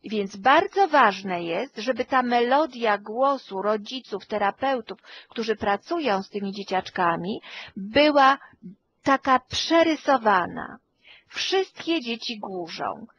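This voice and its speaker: Slow-spoken woman therapist explaining. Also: fairly high pitch, animated, lo-fi sound. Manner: slow, measured explanation with fillers. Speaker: hearing and speech therapist. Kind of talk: expert talk to camera.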